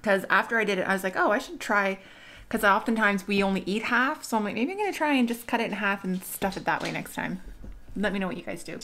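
A woman's voice: medium pitch, animated, fast, a bit bright. A woman in her thirties chatting casually to viewers while eating at home, rambling and laughing often. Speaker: mukbang vlogger. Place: home dining room.

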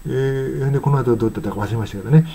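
A man with a mellow, dark-toned voice teaches the meaning of song lyrics. He talks in an unhurried, halting way, pausing on fillers. He reads the English lines out slowly and carefully. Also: medium pitch, vocal fry, a little hiss or hum.

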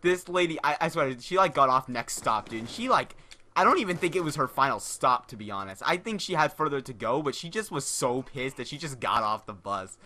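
A man's voice: medium pitch, lively intonation, a little fast, bright, forceful tone. A young man hosting his gaming channel, telling a casual story in a rambling, profane way, often repeating and restarting words.

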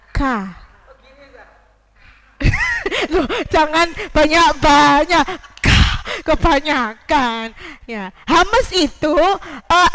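A woman from Java, teaching Quranic letter pronunciation patiently and modeling each sound slowly. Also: sits high, a bit bright, rough recording. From East Java, Indonesia. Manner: slow, patient, drawn-out modeling of sounds, Javanese-tinged Indonesian.

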